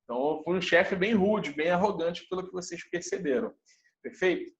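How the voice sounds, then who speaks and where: A man's voice: high voice, lively intonation, moderate pace, muffled recording. A man gives a casual video lecture, explaining step by step and often checking in with his audience. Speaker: teacher.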